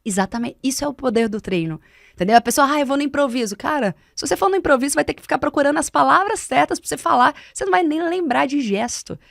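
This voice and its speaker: A woman's voice: sits high, expressive, fast, creaky, fairly bright tone, no room sound, clean studio sound. A Brazilian woman mentor explaining speaking techniques on a podcast, emphatic and didactic. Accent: Brazilian Portuguese. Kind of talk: podcast conversation. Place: podcast studio.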